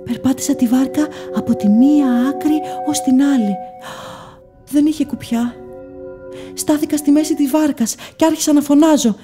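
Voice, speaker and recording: A woman giving first-person scripted story narration in a soft, measured, dreamy way. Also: sits high, over music.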